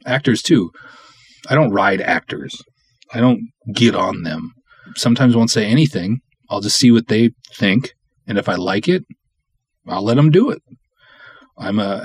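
A man with a mid-range, slightly mellow and husky voice, recorded with no echo, hosts a solo podcast. He's an independent film writer-director who gives candid advice bluntly, opinionated and emphatic, acting out imagined dialogue as he goes.

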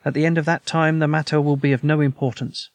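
A man's voice: a little high, little pitch movement, fast, no echo, lightly acted. A man reading a proud masked king. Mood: formal. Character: masked noble male king, proud, agitated client.

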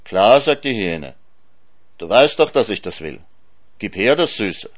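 A man's voice: fairly low pitch, sing-song, unhurried. Man putting on a greedy whining hyena.

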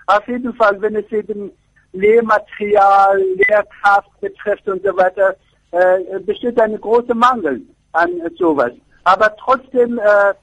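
High gravelly man, halting. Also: fairly bright tone, poor audio. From Afghanistan. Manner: halting, searching for words in a second language. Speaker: architecture professor, interview guest. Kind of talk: radio interview answers.

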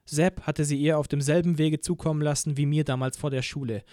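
A man narrating a novel in first person with a fairly high, expressive voice. He acts out the dialogue with feeling. The recording is close and dry, with no room sound. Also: a little fast, dry recording. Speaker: audiobook narrator.

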